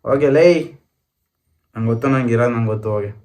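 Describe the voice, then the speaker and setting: A man's voice: mid-range voice, quick pace, darkish tone. A young man vlogger, repeating pleas and boasts as he argues with his partner on camera. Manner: pleading, repetitive, boastful. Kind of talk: couple prank vlog argument.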